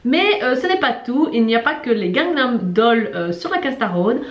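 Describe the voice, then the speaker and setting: A woman's voice: on the high side, expressive, normal speed, echoey room, highs cut off. A woman co-hosting a travel vlog, chatting casually as a guide with lots of fillers. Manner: chatty, many fillers, laughs at herself. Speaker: travel vlogger. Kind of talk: casual guide talk with a co-host.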